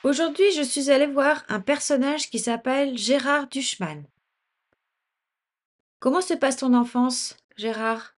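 A woman's voice: sits high, unhurried. A woman presenting an audio magazine and putting questions to her guest as host. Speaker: host and interviewer.

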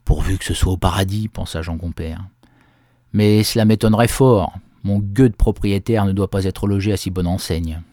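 A man's voice: deep voice, normal speed, dark tone, dry recording. Man telling a folk tale, dry sound. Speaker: storyteller.

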